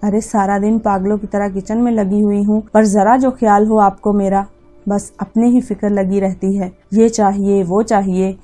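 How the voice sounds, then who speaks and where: A woman voicing a sharp-tongued young daughter-in-law who talks back defensively in a mellow, low-key tone. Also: level tone, normal speed, soft background music, natural voice. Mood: irritated. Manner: snappish and defensive.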